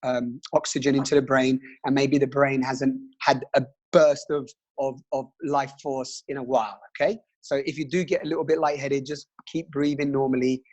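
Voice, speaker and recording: A man leading a guided breathing exercise as a teacher, speaking in a gentle, reassuring way with pauses. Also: medium pitch, level tone, dull audio.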